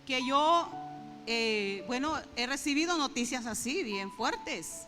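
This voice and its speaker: A middle-aged woman delivers an earnest, conversational sermon in church, addressing the congregation directly and emotionally breaking into fervent prayer. Her voice is high, with lively intonation and a slow delivery. The church hall is reverberant, with faint instrumental music behind her.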